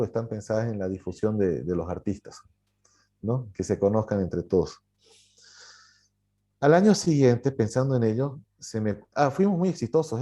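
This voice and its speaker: Speaking in an interview, a man from Bolivia who works as a publisher and writer recounts his story, often using fillers and correcting himself. His mid-range voice has a dark tone.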